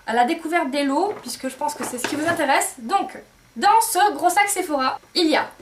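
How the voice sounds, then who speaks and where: A woman's voice: high-pitched, recorded from a distance, background noise. A woman beauty vlogger chatting casually to camera, hesitant and filler-heavy.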